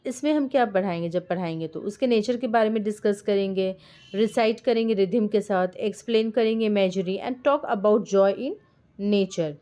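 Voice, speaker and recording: A woman teacher, giving a lecture and reading out her notes. Her is read out slowly and her explanations in between are quick. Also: medium pitch, warm tone. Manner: switches between slow read-out English and quick Hindi explanation.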